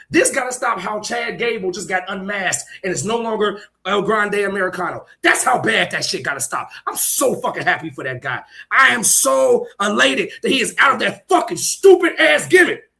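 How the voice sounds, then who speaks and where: A man co-hosting a casual podcast chat, ranting in a heated, profane way, often shouting and breaking into laughter between points. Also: high-pitched, sing-song, moderate pace, vocal fry, few pauses. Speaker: podcast co-host.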